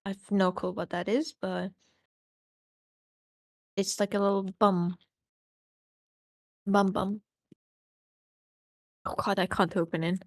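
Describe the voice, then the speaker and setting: A giggly woman co-host chats loosely on a streamed podcast, swearing freely as she jokes around. Her voice carries a gravelly fry at a middle pitch. The sound is dry, with no room around it. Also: little pitch movement, takes it slowly, pauses often, no room sound. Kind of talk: casual chat on a live stream.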